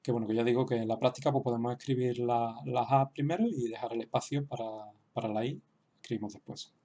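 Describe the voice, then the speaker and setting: A man explaining a writing lesson slowly, with frequent fillers and restarts. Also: mid-range voice, warm tone. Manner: hesitant, many restarts and fillers; slow, explanatory. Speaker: language teacher. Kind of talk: online lesson.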